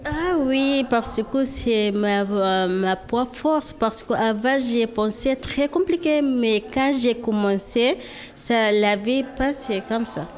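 A woman from Sudan, answering interview questions in halting learner French, often pausing to search for words. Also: fairly high pitch, soft background music. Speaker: interviewee, exhibition participant.

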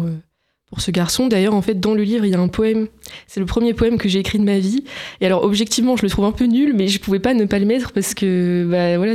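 A woman's voice: medium pitch, warm tone. A young woman author answering interview questions, hesitant with many fillers and restarts.

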